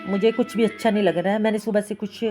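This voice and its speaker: A sweet, gentle young boy, a god in disguise, coaxing and pleading softly, as a woman telling the tale quotes him. Instrumental music plays clearly underneath in this devotional storybook telling, the voice sitting at a middling pitch. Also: steady tone, quick pace, close to an everyday voice.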